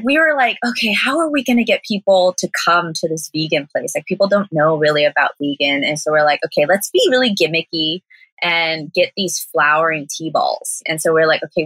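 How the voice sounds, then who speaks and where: On a dry, rough recording, a young woman with a lowish, somewhat bright voice chats casually as an interview guest. The vegan cafe owner has an American accent from Southern California and laughs often, dropping "like" throughout.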